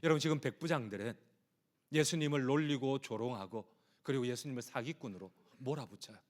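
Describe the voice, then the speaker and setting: A man preaching a sermon as pastor, reading scripture slowly and moving between hushed and loud passionate appeals. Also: medium pitch. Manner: reads scripture slowly and emphatically.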